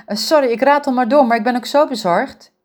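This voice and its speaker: A woman voicing a young female caregiver who is worried about her grandmother, talking quickly and with concern. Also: high-pitched, pitched above the performer's own voice, natural voice.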